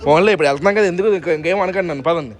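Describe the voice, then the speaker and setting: Fast-talking young man vlogging outdoors. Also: a little high. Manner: chatty, teasing banter with friends. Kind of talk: casual travel vlog chat. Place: outdoors and in transit, airport and streets. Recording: noisy street and traffic sound.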